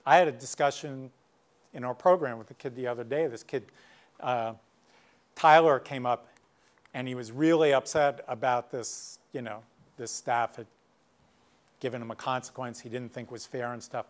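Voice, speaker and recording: A man's voice: medium pitch, steady tone, moderate pace, long pauses. Conversational middle-aged male workshop speaker. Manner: conversational, many asides and anecdotes. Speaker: guest speaker, clinician. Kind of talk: workshop lecture.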